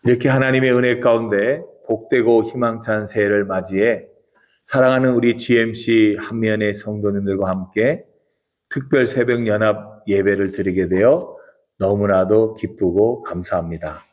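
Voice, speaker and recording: Pastor, man, lowish voice, steady earnest sermon delivery in a church. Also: highs cut off. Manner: measured, earnest preaching cadence. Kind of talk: dawn prayer sermon. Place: church sanctuary.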